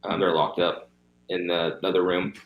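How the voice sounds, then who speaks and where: Man, age thirty, low pitch, missing front teeth, casual interview chat, roomy echo. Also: level tone, normal speed, dull audio, slight background noise. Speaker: guest, professional BMX stunt rider and reptile keeper.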